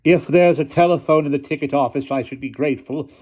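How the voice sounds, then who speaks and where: A man voicing a very old, imperious aunt who speaks crisply and deliberately, on a dull lo-fi recording. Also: on the high side, darkish tone, voice pushed up, natural voice. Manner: crisp, commanding, slow and deliberate.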